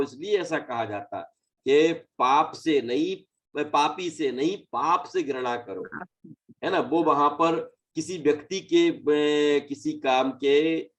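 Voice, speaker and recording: A man's voice: a little high, distant mic. A man teaching a scripture class online, explaining patiently and correcting recitation.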